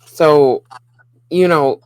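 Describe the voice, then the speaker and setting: A man in casual relationship talk, speaking slowly and earnestly, stacking short repeated phrases. His voice sits a little high. The sound is close and dry with no room echo. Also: a little mellow, clean tone. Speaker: co-host of a relationship channel.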